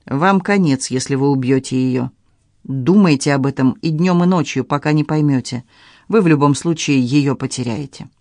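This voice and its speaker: A man reading the part of a ruthless, calculating woman in an audiobook, in a low, controlled, menacing tone. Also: lively intonation, moderate pace, no echo, lightly acted. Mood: cold, commanding.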